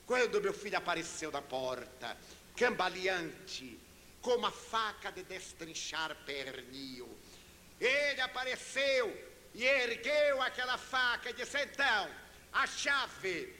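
An older man, a spiritist speaker, giving a sermon-style talk and retelling a story dramatically, with sudden shifts in pitch and loudness. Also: animated, takes it slowly. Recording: reverberant hall, faint hiss.

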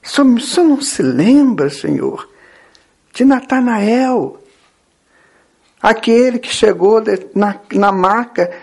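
A man's voice: lively intonation, slow pace, vocal fry, pauses often, darkish tone, breathy edge, full character voice. A man with a Brazilian accent voicing an earnest adult male disciple who keeps imploring his master. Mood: coaxing. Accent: Brazilian Portuguese. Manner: imploring, higher and more urgent than his narration.

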